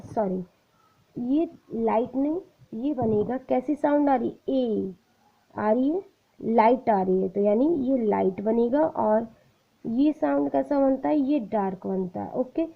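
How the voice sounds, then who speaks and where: A young woman teaching a shorthand class, asking the viewer questions and answering them herself. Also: on the high side. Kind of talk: casual online lesson. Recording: tinny phone-like sound.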